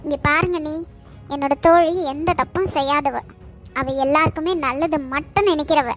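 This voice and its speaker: A woman's voice: high voice, moderate pace, lightly acted. A woman voicing a kind, protective aunt in a cartoon, speaking in a soothing, affectionate way. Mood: pleading. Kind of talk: cartoon voice acting. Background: faint background music.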